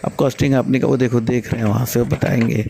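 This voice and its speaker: A man's voice: mid-range voice, fast, vocal fry, slight background noise. A man casually narrating a vlog as he walks around a construction site, explaining the machine work. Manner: relaxed, explanatory, chatty. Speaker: vlogger showing construction work.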